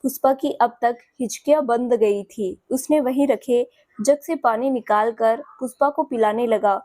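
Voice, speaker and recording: A woman narrating an emotional story in a measured, even storytelling manner on a close microphone. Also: a little high, no echo.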